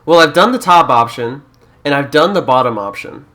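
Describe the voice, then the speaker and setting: A man's voice: medium pitch, animated, normal speed, fairly bright tone, soft background music. A young Canadian man who is a YouTuber, chatting casually through a let's-play, joking and reading game prompts aloud.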